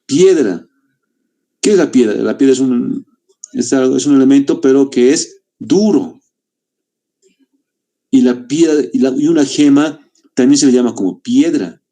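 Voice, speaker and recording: A man from Bolivia, his voice mellow and medium-pitched, gives exam applicants a literature lesson. His pace is deliberate as he stretches important words slowly, explaining in steps and asking rhetorical questions along with plenty of tag questions.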